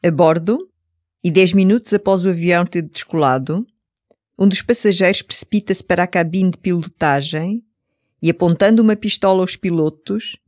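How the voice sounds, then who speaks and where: A woman with a European Portuguese accent narrating short scripted lesson stories in a measured, careful way. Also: lowish voice, darkish tone, no echo, studio quality. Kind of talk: scripted story narration for language course.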